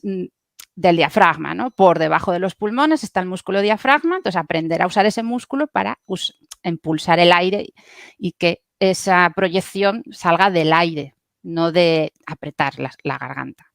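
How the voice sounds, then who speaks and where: A woman's voice: lowish voice, moderate pace, creaky, no room sound, studio quality. A woman speech therapist, patiently explaining how the voice works and demonstrating sounds as a podcast guest.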